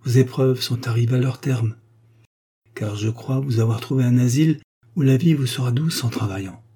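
A kindly, fatherly middle-aged lawyer speaks calmly and reassuringly, voiced by a man reading an audiobook. The voice is dark and mellow with a slightly husky grain. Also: medium pitch, moderate pace. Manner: calm and reassuring.

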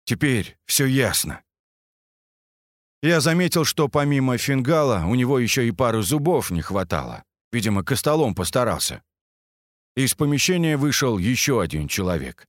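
Expressive male audiobook narrator. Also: medium pitch, moderate pace, no echo, clean studio sound. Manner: expressive first-person storytelling.

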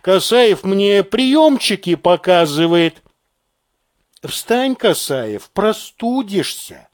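Guy doing a gruff scheming army colonel, slow drawl, dry close sound. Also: high-pitched, big pitch swings, dry recording, pitched above the performer's own voice, heavily acted. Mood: mocking. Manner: bullying, drawling, mock-friendly.

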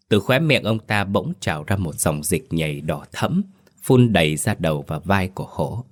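A man narrating a scripted horror story in a slow, ominous storytelling manner. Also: deep voice.

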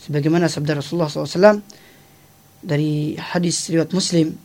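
A man's voice: a little high, fairly even intonation, fast talker, a little mellow. A man giving a didactic religious explanation on the radio, punctuating phrases with short checking tags. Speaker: Islamic teacher, studio guest.

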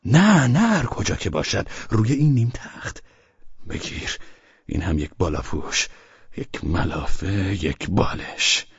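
A man's voice: on the low side, lively intonation, slightly rough, no room sound, dull audio, exaggerated voice. A man voicing a stern, commanding middle-aged man who gives curt orders. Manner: curt and bossy.

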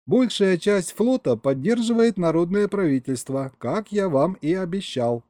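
Gloomy furry alien warlord, male, gruff and grumbling, raised pitch, lively swings, as a male reader puts him on. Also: a little slow, dry recording, clean studio sound.

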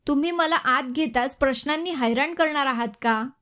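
A woman's voice: sits high, moderate pace. A woman voicing an upset young wife who answers sharply and through tears. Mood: irritated. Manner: sharp and tearful.

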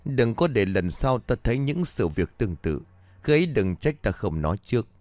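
A man's voice: lowish voice, very animated, normal speed, a little mellow, no echo. A man voicing a stern, menacing village shaman in his sixties who speaks in a harsh, commanding tone.

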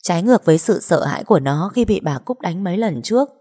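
Low-voiced woman narrating a family drama. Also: expressive, fast, mellow, slightly rough. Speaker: storyteller. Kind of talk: scripted story narration.

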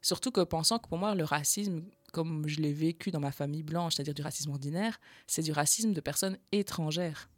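A woman's voice: sits low, a little fast, few pauses, dry recording. A woman from the Charleroi area of Belgium with a Charleroi accent, a slam poet chatting animatedly as an interview guest and laughing often. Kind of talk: casual interview storytelling.

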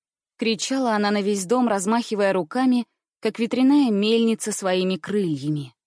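Woman narrating a story out loud, expressive, dry close sound. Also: medium pitch, normal speed, dry recording. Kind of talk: audiobook narration.

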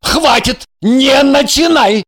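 A man playing a gruff, irritable secret agent in an audiobook, brusque and barking. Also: extremely high pitch, slow pace, fairly bright tone, no room sound, raised voice, studio quality, heavily acted. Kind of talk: audiobook character reading.

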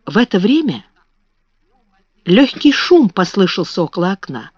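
A woman narrating a children's novel in a measured reading voice, in a dull lo-fi recording. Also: mid-range voice, very animated, a little mellow, husky, no room sound. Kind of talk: scripted audiobook narration.

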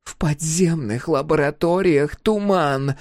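Man putting on a halting older woman scientist. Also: deep voice, a little mellow, no room sound, studio quality, pitched above the performer's own voice. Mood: defensive. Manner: halting, hesitant, apologetic.

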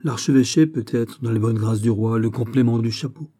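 A male reader doing a graceful courtly minister, dark, husky tone. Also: medium pitch, brisk, no echo, clean studio sound, close to an everyday voice. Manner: graceful and smooth-spoken. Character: suave, anxious minister of state. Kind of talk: audiobook character reading.

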